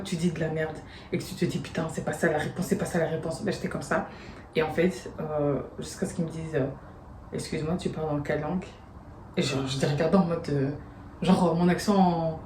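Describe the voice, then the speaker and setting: A woman's voice: fairly low pitch, warm tone, a little hiss or hum. A woman, chatting casually to camera about her day in a slangy, storytelling way. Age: late 20s. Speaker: vlogger and university student. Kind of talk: casual vlog talk to camera. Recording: roomy echo.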